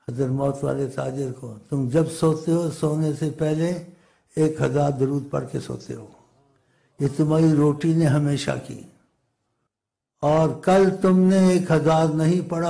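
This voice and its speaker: A man's voice: on the high side, creaky, warm tone. A man with a Pakistani Urdu accent giving a sermon, telling a story and acting out the voices in it. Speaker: religious teacher.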